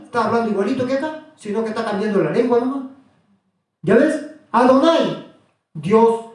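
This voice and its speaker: A man teaching a small group about religion, asking questions again and again in an insistent way. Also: very high-pitched. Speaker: preacher. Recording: echoey room, voice from far off.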